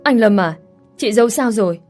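A woman's voice: a little high, expressive, brisk, a little mellow, faint music behind, voice pushed up, lightly acted. Woman reading a falsely sweet young woman. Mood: consoling. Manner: soothing, consoling.

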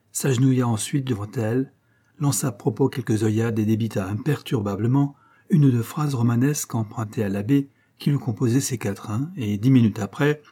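A male narrator reads a classic story in a measured, literary manner. His voice is dark and mellow with a husky grain, at a middle pitch for a man. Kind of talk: audiobook narration.

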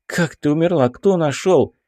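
A man's voice: fairly high pitch, normal speed, dry recording, studio quality, pitched above the performer's own voice, close to an everyday voice. A man reading an audiobook, voicing an emotional young witch woman in a raised voice. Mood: alarmed. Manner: excitable, emotional. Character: fiery young red-haired witch woman.

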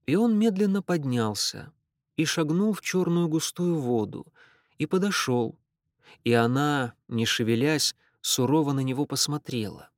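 A man narrating a literary story aloud in a measured, expressive way. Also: fairly high pitch, no echo, clean studio sound.

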